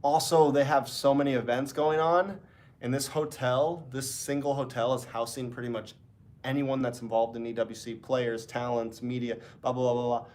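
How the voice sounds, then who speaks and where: A man who casts esports chats casually with his livestream from a hotel room, his nose stuffy. His voice is medium-pitched at a normal speed, and his talk to chat is relaxed and rambling.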